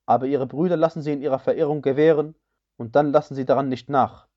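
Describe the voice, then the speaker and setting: Solemn male scripture reader, mellow tone. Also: mid-range voice, steady tone, highs cut off. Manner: measured, solemn, evenly phrased.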